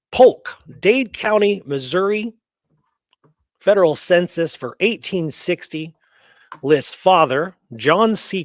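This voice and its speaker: Slightly high-voiced and recorded with no room sound, this male co-host presents historical research in a relaxed chat, going over his notes and frequently making sure the other person keeps up.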